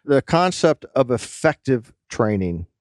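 A middle-aged man hosting a casual interview, telling relaxed anecdotes and acting out the people he quotes. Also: medium pitch, unhurried, no room sound, studio quality. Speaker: podcast host.

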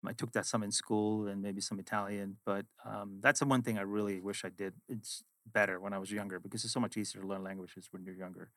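He's a middle-aged Swedish man with a Swedish accent and Swedish as his first language, appearing as a finance executive guest who tells reflective work stories in a casual interview. The voice is fairly low, steady and fairly bright, a little fast with few pauses, in a dry recording.

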